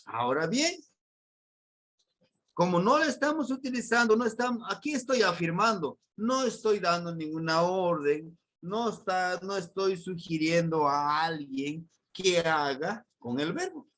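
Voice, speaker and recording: Man, Mexican accent, high voice, slow deliberate pace, classroom teacher, patient drilling. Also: lively intonation, a bit bright, slight background noise. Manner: patient, repeats words and quizzes the class. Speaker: language teacher. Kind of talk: classroom grammar lesson.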